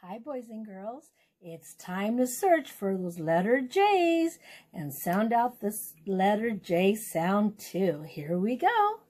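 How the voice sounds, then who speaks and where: A woman teaching young children at circle time, speaking in a slow, encouraging, sing-song way as she sounds out letters and claps syllables. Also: mid-range voice, very animated, a little mellow. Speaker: preschool teacher.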